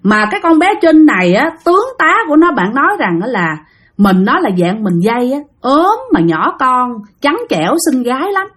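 Telling a ghost story in a chatty way, a woman with a Southern Vietnamese accent speaks directly to her listeners. Her voice sits high and a bit bright, very animated, at a moderate pace.

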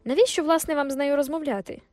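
A woman's voice: fast, a little mellow, no room sound, soft background music, lightly acted. Woman voicing a tormented jealous farmer. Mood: anxious. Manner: pleading, strained, high-pitched outbursts. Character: agitated middle-aged male farmer, jealous and tormented. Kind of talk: audiobook character voice.

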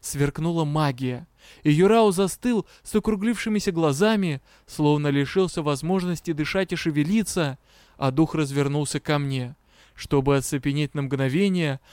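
Guy reading a fantasy audiobook, voice a bit high for a man, super dry close sound. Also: normal speed, clean tone, no echo. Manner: steady storytelling read. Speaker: audiobook narrator. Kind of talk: scripted narration.

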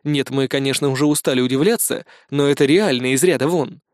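A man reading a first-person audiobook in a brisk, wry storytelling manner. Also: medium pitch, no echo, studio quality. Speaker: audiobook narrator.

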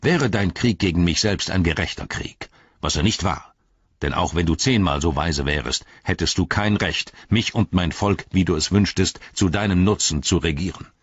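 A man's voice: low-pitched, moderate pace, slightly rough, no room sound, lo-fi sound. A man voicing a proud aging king who speaks sternly and accusingly. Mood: defiant.

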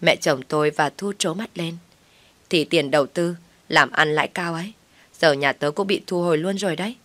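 A woman narrating a dramatic first-person story in a steady, plain way. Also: deep voice, normal speed, dry recording.

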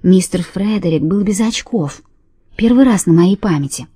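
Woman reading a story, mellow voice. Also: mid-range voice, animated, normal speed, breathy edge, dry recording, clean studio sound. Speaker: audiobook narrator. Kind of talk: scripted first-person narration.

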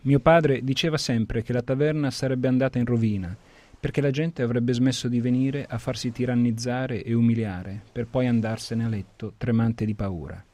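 A man reading passages from an adventure novel aloud in a measured, storytelling way on a radio program. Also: medium pitch, fairly even intonation, a little mellow, no echo. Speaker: reader of literary excerpts. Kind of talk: scripted literary reading.

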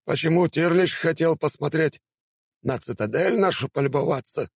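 A spry, jovial old schoolteacher who drawls and exclaims with relish, as a narrator puts him on. The voice is gravelly and husky, pitched higher than the reader's own. It is recorded dry and close, like a storybook. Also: male voice, lively intonation, moderate pace, dry recording, exaggerated voice. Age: older. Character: spry old male teacher, jovial and warm.

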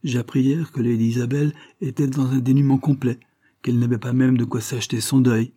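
A man's voice: medium pitch, steady tone, a little fast, mellow, husky, no echo, studio quality, pitched above the performer's own voice, natural voice. A man reading aloud, voicing an eager, impatient young woman in a storybook.

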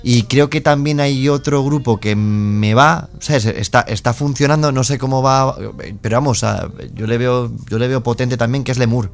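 A man's voice: mid-range voice, moderate pace, hardly any pauses. A man from Spain, a band musician guesting on a radio show, talking enthusiastically and colloquially about other bands. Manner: enthusiastic, colloquial, casual swearing. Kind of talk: casual radio interview.

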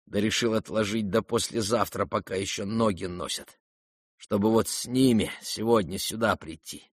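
A man voicing a dying young man, hoarse and weak, speaking quietly and tiredly with faint irony, in an audiobook reading. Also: on the low side, moderate pace, dry recording, studio quality, lightly acted. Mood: weary. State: hoarse, near whisper.

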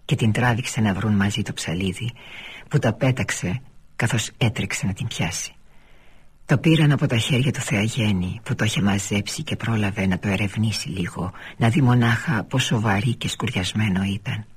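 A man reads a literary novel aloud for radio in a low, very husky voice. His delivery is measured and often sinks to a near-whisper. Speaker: reader.

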